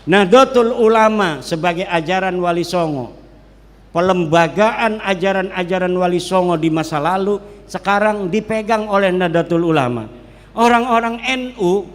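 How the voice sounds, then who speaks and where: Man, cleric lecturing in a large hall, high voice, joking, long hall echo. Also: normal speed. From Banten, Indonesia. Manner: joking, lively, drops into regional dialects. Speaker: Islamic cleric speaking at a public gathering. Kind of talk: public religious lecture.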